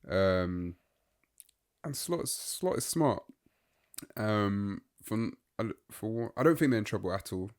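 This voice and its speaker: A man's voice: on the low side, lively intonation, unhurried. A young man, co-hosting a casual football chat and rambling through his opinions with lots of fillers. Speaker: podcast co-host.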